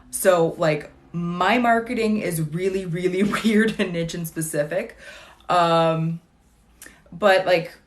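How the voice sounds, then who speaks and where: Woman, late 30s, livestream host; casual, joking, rambling delivery, lowish pitch. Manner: chatty, wry and digressive, with dry jokes. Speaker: livestream host answering viewer questions.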